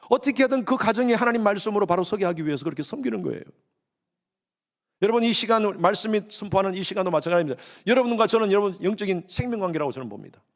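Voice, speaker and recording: Lively Korean pastor in his fifties. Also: high voice. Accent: Gyeongsang Korean. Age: 50s. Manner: lively preaching, addresses congregation often, acts out quoted lines. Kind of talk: sermon.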